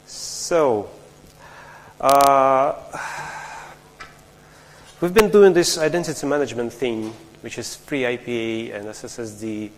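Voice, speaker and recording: Slow and pausing often, a Russian man presents a technical conference talk in a big lecture hall, his medium-pitched voice fairly even in intonation. Long reverb and a faint hum fill the room as he works step by step, restarting phrases and questioning the audience.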